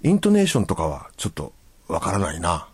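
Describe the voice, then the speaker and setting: Husky low-voiced male radio host. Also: huge pitch swings, fast talker, a little mellow, no echo. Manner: chatty, filler-heavy, easygoing. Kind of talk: casual radio talk, reading listener letters.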